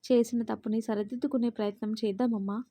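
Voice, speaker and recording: A woman's voice: fairly high pitch, fairly even intonation, fast talker, dark tone, no room sound, lightly acted. A woman voicing a regretful grown daughter in a storybook reading, earnest and pleading.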